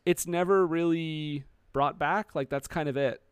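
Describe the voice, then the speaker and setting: A man's voice: on the high side, a little slow, smooth, no echo, clean studio sound. A man casually recapping a movie on a podcast, joking and acting out the characters' lines. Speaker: podcast host. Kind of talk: casual movie-review chat.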